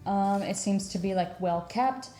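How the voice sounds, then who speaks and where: A woman's voice: mid-range voice, dark tone. Woman dungeon master, easygoing filler-heavy narration, echoey room. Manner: unhurried, many "um" and "like" fillers. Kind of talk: narrating a tabletop game.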